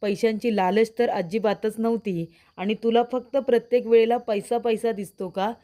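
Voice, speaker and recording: A woman's voice: a little high, fairly even intonation, moderate pace, dark tone, lightly acted. A woman voicing a stern young man scolding a thief.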